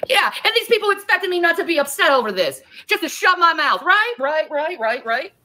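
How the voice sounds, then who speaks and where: Very high-pitched and forceful, her bright voice leaps around in pitch at a slightly fast clip. She's a livestreamer in a played clip, ranting angrily, swearing, and confronting her critics directly.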